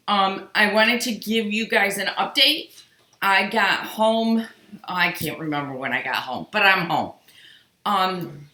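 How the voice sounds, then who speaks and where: A middle-aged woman talks slowly and chattily on a live stream, her bright, forward voice carrying a tired, yawning edge. She greets viewers by name as she speaks into a webcam on her sewing table. The home room adds a roomy echo. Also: medium pitch. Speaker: quilting show host. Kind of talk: live-stream casual chat. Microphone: computer webcam on sewing table.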